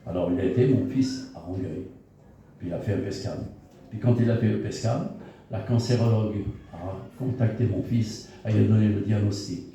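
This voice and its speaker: A middle-aged man, a pastor, telling a testimony in a sermon, in an animated storytelling way that repeats phrases for emphasis. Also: fairly low pitch, moderate pace, a little hiss or hum. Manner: animated storytelling, acts out dialogue. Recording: very echoey hall, mic far off.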